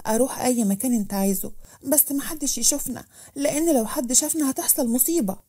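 A woman's voice: sits high, fast talker, warm tone, husky. A woman voicing a frightened young woman on the run, with an Egyptian Arabic accent and a raised, anxious voice. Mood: light.

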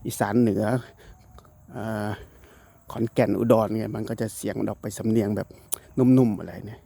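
A man's voice: fairly low pitch, fairly even intonation, moderate pace, creaky, mellow, slightly rough, dry recording. A young man from northeastern Thailand with an Isan accent, narrating a casual, rambling travel vlog outdoors into his phone. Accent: Isan Thai. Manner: rambling, self-correcting, chatty. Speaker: vlogger. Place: outdoors and driving around the countryside. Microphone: phone held by the speaker.

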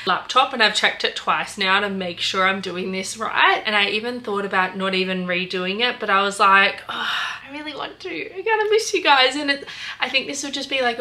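A woman's voice: medium pitch, bright, forceful tone. A woman in her late twenties chatting to camera from her old bedroom, rambling and laughing often as she eats. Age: late 20s. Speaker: vlogger. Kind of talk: casual chat to camera.

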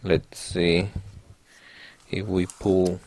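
This channel host, a man, casually opens card packs and names each card while chatting with viewers at ease. His voice sits low and his pace is extremely slow.

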